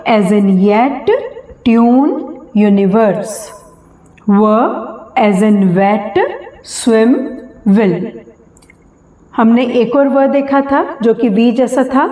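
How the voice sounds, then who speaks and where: A woman with an Indian accent teaching English phonetics, slowly sounding out each example word. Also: a little high, warm tone. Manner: slow, drawn-out sounding of example words. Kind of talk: classroom lesson mixing Hindi and English. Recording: echoey room with long reverb.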